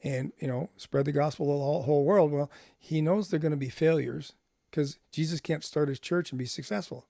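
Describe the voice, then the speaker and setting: A man's voice: a little high, a little fast, creaky, warm tone, dry recording, studio quality. A middle-aged man telling a personal testimony story, acting out both sides of old conversations. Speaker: ministry speaker.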